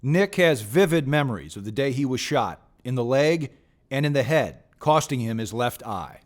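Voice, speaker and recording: An American man presenting a scripted public service story in a measured, formal delivery. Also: medium pitch, lively intonation, no room sound.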